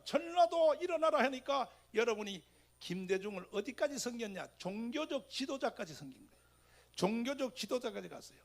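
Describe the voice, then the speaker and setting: A man with a very high, strained pitch and a gravelly, fry-laden edge gives a fiery political rally speech. He fires rhetorical questions at the crowd and breaks into sudden loud bursts. Religious exclamations run through his talk. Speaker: speaker addressing a political rally.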